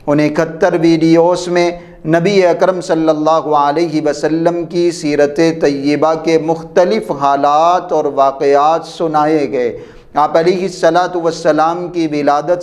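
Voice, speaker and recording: A man's voice: fairly high pitch, a little mellow. A man narrating a devotional history lesson in a reverent tone, adding honorifics after every holy name.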